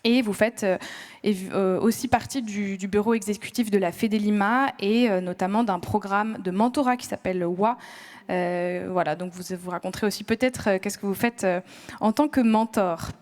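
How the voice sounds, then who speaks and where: In a conference room with an audience, a woman moderates a round table and introduces each panelist, hesitating often with many "euh" fillers and restarts. Her medium-pitched voice is a little mellow, at a moderate pace.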